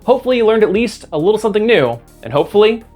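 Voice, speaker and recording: A man's voice: high voice, big pitch swings, racing, a little mellow, faint music behind. An American man hosting a scripted video essay with a sarcastic, self-mocking know-it-all manner. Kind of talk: scripted commentary.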